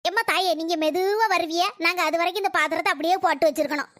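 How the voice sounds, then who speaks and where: A woman's voice: extremely high pitch, rapid-fire, a bit bright, no echo, studio quality. A woman acting as a nagging, self-pitying old mother-in-law in a comedy skit, speaking in a sarcastic, complaining manner. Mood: scolding.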